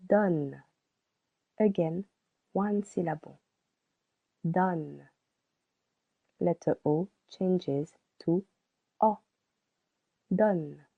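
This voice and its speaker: A woman teaching a slow pronunciation lesson, spelling out letters and repeating each word. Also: lowish voice, husky. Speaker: French teacher. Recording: tinny phone-like sound.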